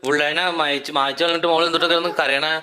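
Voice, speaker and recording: A man's voice: a little high, level tone, rapid-fire, very noisy. A man with a Malayali accent in a playful family prank chat, acting worried and repeating himself. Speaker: vlogger father.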